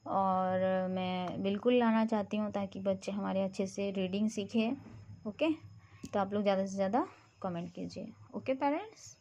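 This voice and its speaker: A woman teaching phonics to parents, explaining slowly and patiently and sounding out single letters. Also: mid-range voice, warm tone, muffled recording.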